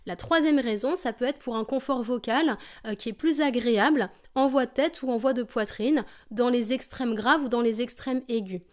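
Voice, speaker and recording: A woman teaching a singing lesson, explaining vocal technique calmly and demonstrating exercises. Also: a little high, normal speed, few pauses.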